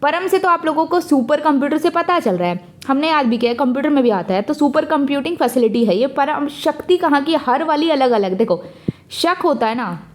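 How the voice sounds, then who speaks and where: A woman's voice: high-pitched, expressive, brisk, slight background noise. A young woman teaching exam current affairs in a casual, chatty way, mixing English words into her talk and speaking straight to her students. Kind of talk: casual lesson with memory tricks.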